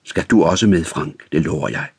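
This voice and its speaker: A man's voice: low-pitched, darkish tone, breathy edge, dry recording, heavily acted. Man reading as a firm, soothing young woman. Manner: soothing yet decisive. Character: firm, brisk young woman calming a friend. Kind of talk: audiobook reading.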